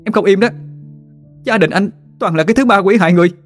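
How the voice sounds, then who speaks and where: A man playing a shrill, spiteful young woman. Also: racing, faint music behind. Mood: indignant. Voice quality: raised, sharp pitch. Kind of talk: audiobook character reading.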